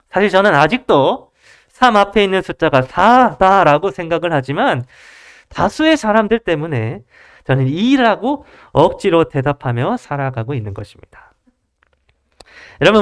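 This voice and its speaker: A preacher delivers a sermon in a measured, formal way, turning often to the congregation with questions. The voice is smooth and resonant, and the pitch rises and falls in a lively, animated way. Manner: addresses the congregation directly with rhetorical questions.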